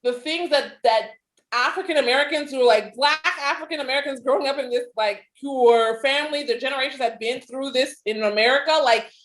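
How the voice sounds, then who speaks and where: Woman co-host, high pitch, candid filler-heavy talk, echoey room sound. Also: a little fast, a bit bright. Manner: candid, filler-heavy, acts out quoted voices. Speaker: podcast co-host. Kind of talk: casual chat.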